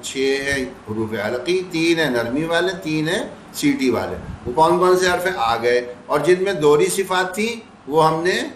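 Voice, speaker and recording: A man teaching recitation, patiently repeating sounds slowly to demonstrate them. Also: on the high side, echoey room, a little hiss or hum. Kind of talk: explanatory lesson.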